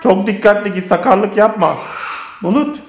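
A man filming a playful family vlog, teasing the kids and chatting to viewers in an animated way. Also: high voice, moderate pace, a little hiss or hum. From Turkey. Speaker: family vlogger.

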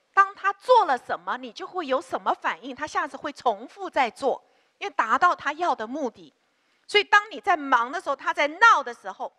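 Casting: middle-aged woman, higher voice, emphatic church speaker, hall reverb. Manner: lively, emphatic, rhetorical questions to audience. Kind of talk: church parenting lecture with prayer.

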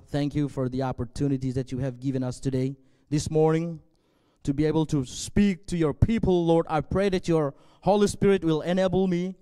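A man in his forties from northwest Burma, a native Zomi speaker, preaching a sermon in an earnest, measured way with frequent pauses, speaking into a handheld mic on a church stage. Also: on the high side, mellow, clear, resonant tone. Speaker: pastor. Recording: long hall reverb.

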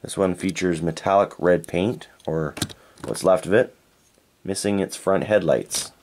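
There's a faint hiss behind this laid-back Canadian collector, whose voice sits low. He reviews toy cars off the cuff at an indoor tabletop diorama, easygoing and slow, talking through his thoughts and revising what he says.

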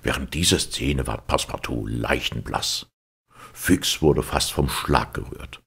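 A man reading a novel aloud as an audiobook in an expressive, dramatic manner. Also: very deep voice, unhurried, vocal fry, husky. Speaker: audiobook reader. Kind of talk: scripted audiobook narration.

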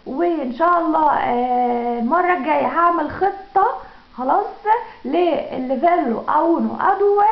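A woman's voice: high-pitched, creaky. A woman with an Egyptian Arabic accent teaching Italian in a casual spoken lesson, direct and full of rhetorical questions and examples. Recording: echoey room, dull lo-fi sound.

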